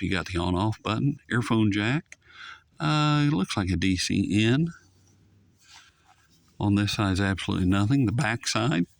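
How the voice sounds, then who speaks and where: In a lowish, gravelly voice with no echo, a man who hosts a radio channel gives a casual, off-the-cuff review of a shortwave radio, wandering away from the subject in a homespun, rambling manner.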